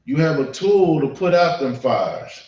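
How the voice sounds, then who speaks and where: A fairly high, slightly mellow American male voice with lively intonation preaches an informal sermon in public. The sound is distant and echoey in a dull room, and his halting, repetitive speech stays conversational, checking in often.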